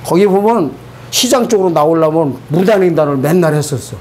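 A man giving a spoken testimony to a church congregation, animated and colloquial, asking the audience rhetorical questions. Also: on the high side, a little fast.

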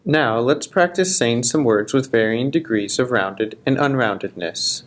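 Slow deliberate male language teacher. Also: medium pitch. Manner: slow, deliberate, careful articulation. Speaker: language instructor. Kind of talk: scripted pronunciation lesson.

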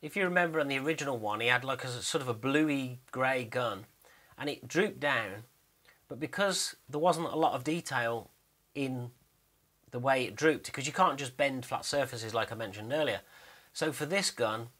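A man talks through his 3D animation in a relaxed, explanatory way, describing what's on his screen. His voice is bright and forward at an average pitch, and he stops at times to think out loud, speaking off the cuff.

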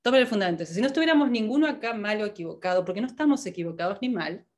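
Brief: woman, workshop facilitator, lively and questioning, quick to laugh. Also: mid-range voice. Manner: animated, asks many rhetorical questions, laughs often. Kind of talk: live coaching workshop.

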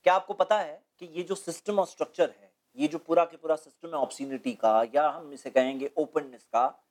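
A man's voice: a little high, normal speed, a little mellow. Male guest speaker, studio interview, lecturing and explanatory, fond of rhetorical questions. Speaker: guest speaker on Islamic topics.

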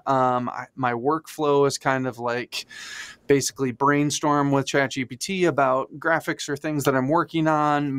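A middle-aged man talks at an ordinary pitch from a home studio over a video call. He chats with enthusiasm, filling his sentences with "like" and "um", and his studio mic gives a dry, close sound. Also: fairly bright tone, smooth, no echo. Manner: chatty, fillers like "like" and "um", enthusiastic. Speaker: church designer guest. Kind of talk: casual podcast interview answer.

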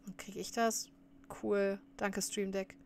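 A woman's voice: mid-range voice, level tone, takes it slowly. A woman streamer chatting casually while reacting to a clip, often laughing and scolding her viewers.

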